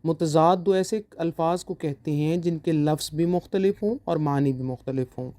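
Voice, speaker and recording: Mellow, measured exam-prep lecturer. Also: medium pitch. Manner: reads each definition slowly, then explains it step by step; checks in often with a questioning "okay?". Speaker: online lecturer.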